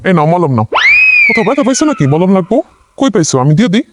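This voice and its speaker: A woman's voice: medium pitch, big pitch swings, rapid-fire, heavy background noise, natural voice. A woman playing a young daughter-in-law who is hard of hearing and cheerfully mishears everything. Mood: chirpy. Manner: mishears words and answers cheerfully with confident nonsense. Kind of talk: village comedy drama acting. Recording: drama soundtrack with music behind.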